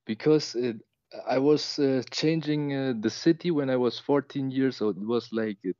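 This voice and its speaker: This caller is a young man from Germany, in his twenties, sharing a personal story on a call-in show with hesitation, emotion, many fillers, and frequent restarts. He speaks at a normal speed in a mid-range, dark-toned voice; the dull recording has no echo.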